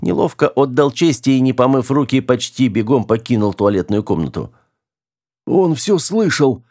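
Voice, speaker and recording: A man narrating an audiobook in a steady, matter-of-fact reading style. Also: mid-range voice, normal speed, no room sound, studio quality.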